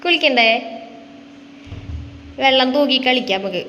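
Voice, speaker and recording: High-voiced mother coaxing a little child. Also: lively intonation, measured pace, bright, forceful tone, dull audio. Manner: coaxing, sing-song baby talk with many questions. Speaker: vlogger and mother. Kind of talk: casual chat with a small child. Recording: reverberant room with faint background noise.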